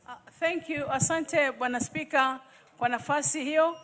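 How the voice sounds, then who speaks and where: A Kenyan woman with a very high voice delivers a condolence speech. She speaks formally as a member of parliament. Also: unhurried, fairly bright tone, a little hiss or hum. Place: parliament chamber.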